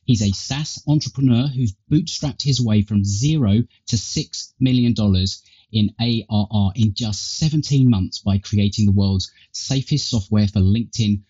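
A man's voice: fairly low pitch, darkish tone, breathy edge. Tinny, slightly metallic male podcast host. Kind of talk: scripted intro and podcast hosting. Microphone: earbuds instead of proper microphone. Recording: tinny earbud microphone.

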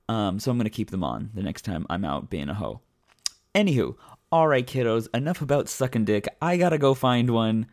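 A man's voice: fairly low pitch, darkish tone. Guy hosting a podcast, blunt and chatty, lil lisp. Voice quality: slight lisp. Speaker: podcast host. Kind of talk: casual podcast chat.

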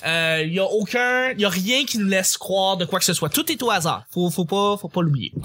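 A man's voice: sits high, lively intonation, moderate pace, bright, forceful tone. A man with a Québécois accent hosting a casual comedy podcast, chatty and rambling, often restarting his words. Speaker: podcast host.

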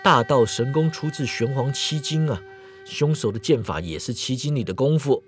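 Man doing a calm low-voiced senior swordsman. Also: normal speed, faint music behind, close to an everyday voice. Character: calm senior martial brother, grown man.

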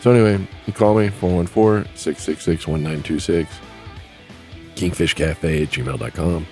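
A man's voice: low voice, normal speed, a little mellow, faint music behind. A man hosting a casual solo podcast, rambling and plainspoken, choking up with grief. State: grieving, choking up. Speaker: podcast host.

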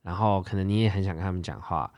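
Guy host with a deep voice, casual interview questions, dry close sound. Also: fast, a little mellow, dry recording. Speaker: podcast host.

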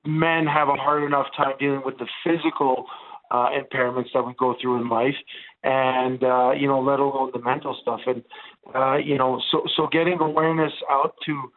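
Over a tinny phone line, a former football player in his forties from Montreal, Canada, chats as a radio guest. Italian is his first language; his medium-pitched voice holds a fairly even intonation at a moderate pace as he rambles with plenty of fillers.

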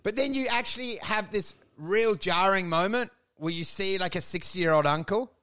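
A man's voice: high-pitched, normal speed, bright, forceful tone, clean tone. A man, co-hosting a podcast in a rambling, self-mocking way with a lot of swearing. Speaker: podcast co-host. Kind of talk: casual comedic chat.

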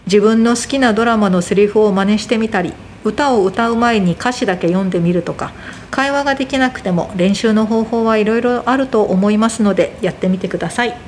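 A woman teaching a language lesson, slowly and carefully demonstrating how word accents differ. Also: medium pitch, slight background noise.

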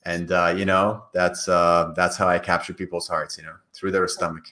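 Over a call, a podcast guest who grew up in Iran and speaks Farsi natively answers interview questions with earnest sincerity. His voice sits low with a sharp tone and little pitch movement, delivered at a normal speed. He keeps restarting and repeating words.

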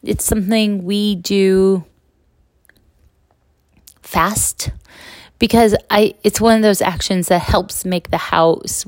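Casual and candid, this middle-aged podcast host talks in a medium-pitched voice, often pausing to ask "right?" The recording is dry and makeshift, not made in a real studio.

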